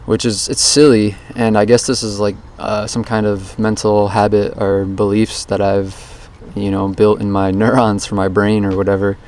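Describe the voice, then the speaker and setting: A man speaks at a normal speed with few pauses, his lowish voice level and a little mellow. He's a vlogger recording a casual, rambling, introspective diary of his daily challenge under a bridge outdoors. Background noise is audible on the handheld voice recorder.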